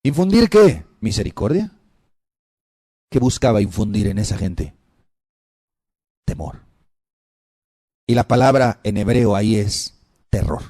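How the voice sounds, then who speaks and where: A man preaching a sermon with dramatic swings between loud cries and hushed whispers, hammering the listener with rhetorical questions. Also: fairly low pitch, very animated, unhurried, pauses often, no echo, studio quality.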